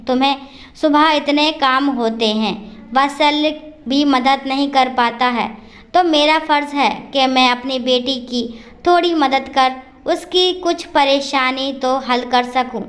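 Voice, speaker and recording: Storybook father-in-law, widowed and caring, read by a woman narrator, high-pitched, affectionate. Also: unhurried, fairly bright tone. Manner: affectionate, reassuring.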